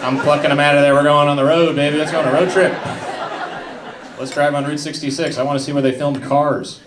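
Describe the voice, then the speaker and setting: A young man doing a stand-up comedy set with a deadpan, mumbling delivery. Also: a little high, brisk, over a noisy crowd. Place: comedy club stage with a live audience. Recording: echoey room with background noise.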